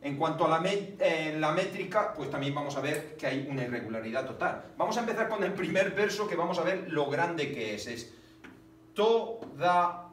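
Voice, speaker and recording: A man teaching a poetry lesson, speaking haltingly with many fillers and counting syllables aloud. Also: fairly high pitch, expressive, a bit bright. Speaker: literature teacher. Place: classroom. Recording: echoey room, distant mic, faint noise.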